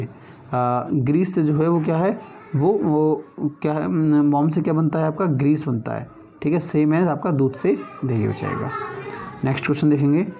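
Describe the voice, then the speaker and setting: Leading an exam-prep lesson, a man with a mellow, darker voice pitched fairly high works through each question conversationally. He pauses regularly to check in with his students.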